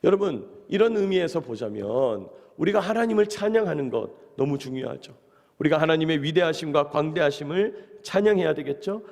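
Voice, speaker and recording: A man's voice: a little high, in a large hall. A male pastor preaching an earnest early-morning sermon, often turning to address the congregation directly. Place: church sanctuary.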